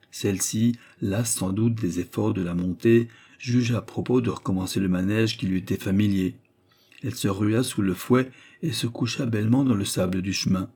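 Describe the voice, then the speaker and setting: A man narrating a classic novel at a steady, measured pace. His voice sits a little low and sounds dark and mellow, with a husky grain. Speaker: audiobook narrator.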